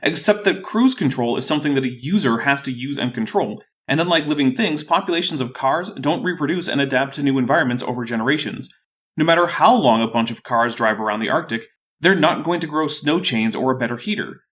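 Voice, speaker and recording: A man's voice: mid-range voice, brisk, fairly bright tone. A man with a thick, sore-throated voice hosting a scripted rebuttal video in a dry, skeptical way. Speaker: YouTube host.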